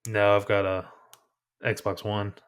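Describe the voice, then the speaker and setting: A man's voice: lowish voice, completely flat delivery, slow, smooth. A man co-hosting a movie podcast in casual chat, earnest and enthusiastic. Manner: earnest, enthusiastic, self-correcting. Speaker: podcast co-host.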